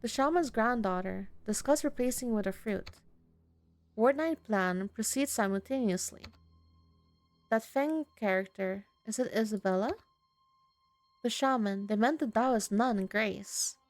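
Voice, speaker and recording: A woman with a highish voice reads from a visual novel at an unhurried pace while playing it. She narrates with expression and interjects casual, exclaiming commentary, swearing freely.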